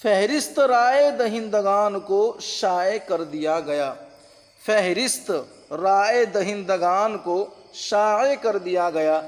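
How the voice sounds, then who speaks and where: Guy teaching an exam-prep class online, pretty high voice, repeats stuff patiently, echoey room. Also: takes it slowly. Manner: patient, repeats terms and checks understanding. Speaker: Urdu-Hindi translation teacher.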